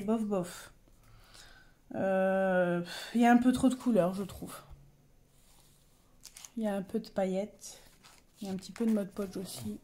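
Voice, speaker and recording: A woman's voice: medium pitch, dark tone. A young woman casually showing her coloring pages, chatty and hesitant, with many fillers and self-corrections. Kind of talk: casual show-and-tell.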